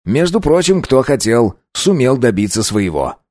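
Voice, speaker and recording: A man's voice: mid-range voice, very animated, moderate pace, darkish tone, no room sound. A man voicing a brash young heir, full of himself and teasing, pushing his offers with a smug, playful tone. The voice stays close to the narrator's own, dry and close to the mic.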